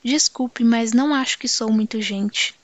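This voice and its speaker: A meek, self-effacing young woman who answers in small, unsure phrases, as the narrator reads her part. Her voice is fairly high, and the recording is close and dry. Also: a little slow, no echo. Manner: meek, hesitant.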